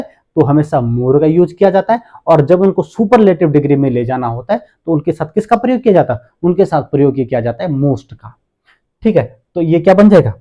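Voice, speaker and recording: A man teaches grammar in a lively voice that keeps rising and falling. His tone is mellow and fairly high. He asks his own questions and then answers them slowly. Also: highs cut off. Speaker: English teacher. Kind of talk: classroom grammar lesson.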